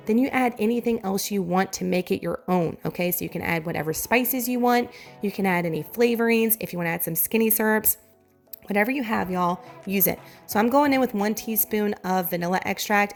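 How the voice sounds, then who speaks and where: Casting: woman, Southern US accent, upbeat home-cooking vlogger, mid-pitched, congested gravelly voice that is giving out. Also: fairly quick, soft background music. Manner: chatty, enthusiastic, addresses viewers directly. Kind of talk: casual meal prep voiceover.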